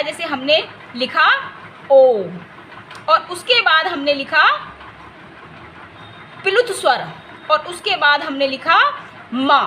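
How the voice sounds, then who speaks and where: A woman teaches an exam-prep grammar lesson in a very high, bright voice. She explains step by step, repeating key terms and stopping often to ask if the class has followed. A faint background noise sits under the recording. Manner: stretches vowels to demonstrate length.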